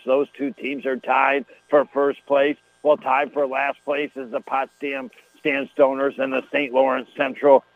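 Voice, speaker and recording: Sports radio guy on a tinny am radio line, chatty and folksy, a bit high voice, dry sound. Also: no room sound. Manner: folksy, chatty, rattles off scores and plays. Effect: AM radio broadcast sound. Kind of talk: live high school football commentary.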